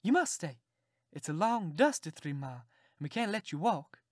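A woman voicing Aunt Sally, a fussy, sharp-tongued Southern farm aunt who scolds and exclaims. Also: lowish voice, big pitch swings, moderate pace, dry recording, clean studio sound. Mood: welcoming.

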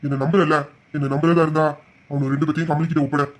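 A calm, persuasive father, played by a man in an audio drama, urging patiently in a slightly high voice. He keeps pressing his point without raising it. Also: fast talker, natural voice. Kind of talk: Tamil audio drama acting.

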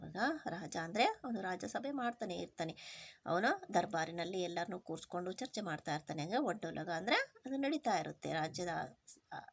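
A woman's voice: fairly low pitch, expressive, normal speed, breathy edge. A woman teacher who reads a textbook story aloud, then retells each line in simple everyday words. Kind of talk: reading and explaining a textbook lesson.

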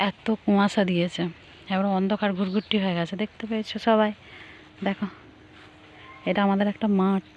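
A village vlogger walks through foggy fields at dawn, talking softly and chattily into her phone in a hushed, medium-pitched voice. It's cold early morning and she sounds chilled and shivering during this casual vlog walkthrough. Faint outdoor noise is audible.

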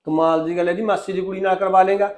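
A man's voice: sits high, steady tone, lightly acted. A man playing a young police officer who argues insistently with his mother about his marriage. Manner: insistent, pleading, fast talk. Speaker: son and police officer in a short film. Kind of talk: amateur village family drama acting.

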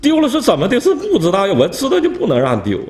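Lively man lecturing. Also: very high-pitched, fast. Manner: animated, chuckles at his own anecdotes, asks and answers rhetorical questions. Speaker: history professor giving a lecture. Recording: roomy lecture hall echo.

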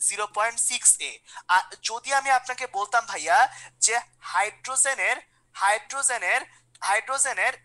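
Woman teacher, quick and high-pitched, coaxing and repetitive. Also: bright, forceful tone, poor audio. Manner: repeats questions, coaxes students by name. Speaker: chemistry teacher. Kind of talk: online class lecture.

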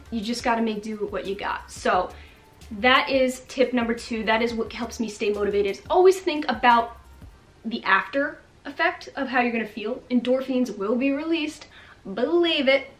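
Chatty high-voiced woman coaching fitness. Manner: energetic, chatty, coaxing with frequent "okay?" and big hand gestures. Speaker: fitness vlogger. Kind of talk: upbeat motivational talk to camera. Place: bright bedroom, indoors.

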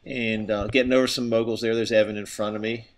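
A middle-aged man, winded and out of breath, gives casual stop-and-start narration while skiing a steep outdoor slope, recorded on a helmet-mounted camera. His lowish voice is fast with little pitch movement, over slight background noise.

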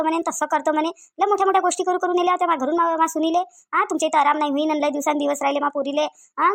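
A woman voicing a shrill, angry middle-aged mother in a cartoon, with a Varhadi Marathi accent, taunting and scolding. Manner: taunting, shouting, mocking quotes.

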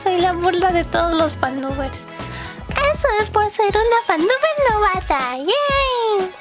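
Young woman, sky-high cute voice, giggly, bashful, loud music behind. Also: expressive, a little slow. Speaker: fandubber. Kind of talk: cute voice meme. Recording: music playing loudly underneath.

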